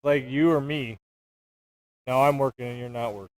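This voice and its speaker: A man adding short, easygoing color commentary at a local high school football game. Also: steady tone, moderate pace, darkish tone. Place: outdoor broadcast stand at a football field.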